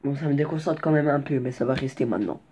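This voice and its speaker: A man's voice: mid-range voice, fast talker, dark tone, slightly rough. A young man casually telling a story in slangy, rambling speech with many restarts and asides. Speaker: vlogger.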